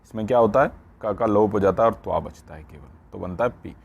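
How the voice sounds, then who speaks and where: Low-voiced man teaching Sanskrit grammar. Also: a little fast, creaky, slightly rough, dull audio. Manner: repeats words and checks in with "ठीक है". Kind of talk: explaining a textbook lesson line by line.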